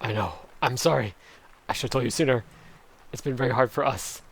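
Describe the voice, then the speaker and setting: A gamer voicing a gentle, weary father in a video game, with a wobbly put-on Irish accent. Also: mid-range voice, brisk, creaky, faint music behind, pitched below the performer's own voice. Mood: apologetic. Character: weary caravan-park dad with a shaky Irish accent.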